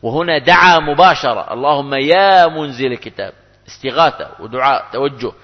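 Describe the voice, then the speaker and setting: A man giving a religious lesson on supplication, emphatic and rising in pitch and volume as he quotes prayers, in a large hall or mosque. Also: lively intonation, fairly quick. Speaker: preacher. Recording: dull lo-fi recording with long hall reverb.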